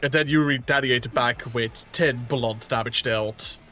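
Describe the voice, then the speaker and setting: Bright-voiced man running a tabletop game. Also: medium pitch, steady tone, measured pace, soft background music. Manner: casual, rambling, swears lightly. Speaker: game master.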